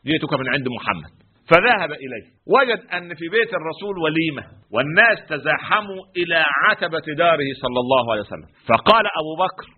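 Fast-talking husky Egyptian preacher. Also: male voice, medium pitch. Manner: lively, joking storyteller who acts out quotes. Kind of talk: storytelling religious talk. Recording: tinny phone-like radio broadcast.

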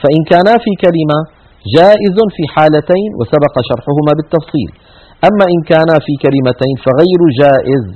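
A man teaching a lesson on Quranic Arabic grammar, reading out examples with emphasis and repeating key points. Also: fairly high pitch. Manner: explains slowly, reads examples aloud with emphasis, repeats points. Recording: tinny phone-like broadcast sound.

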